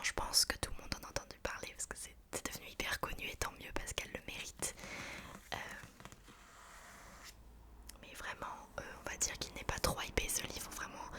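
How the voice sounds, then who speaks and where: A woman speaks entirely in a hushed library whisper, breathy and unvoiced. Her delivery is informal and chatty, in the style of an ASMR book review. The whisper stays soft throughout. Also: brisk.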